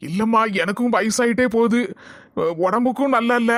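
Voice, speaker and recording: A woman voicing an aging, worried village father who pleads softly and near tears, in a cartoon comedy. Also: fairly high pitch, a little fast, no room sound, studio quality, voice pushed down, close to an everyday voice. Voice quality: soft, pleading, tearful.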